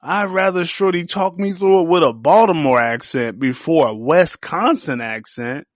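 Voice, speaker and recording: A man's voice: high-pitched, normal speed, dry recording, studio quality. A young man hosting a podcast, reviewing a series in a crude, joking, slangy riff full of profanity. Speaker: podcast host.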